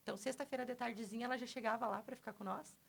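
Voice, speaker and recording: A woman's voice: on the high side, fairly even intonation, very fast, vocal fry, breathy edge. A woman from Porto Alegre with a Gaúcho accent, a podcast guest telling her life story in a chatty way, often adding tag questions, close to a studio microphone. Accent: Gaúcho Portuguese. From Porto Alegre, southern Brazil. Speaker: podcast guest, personal trainer. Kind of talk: conversational storytelling.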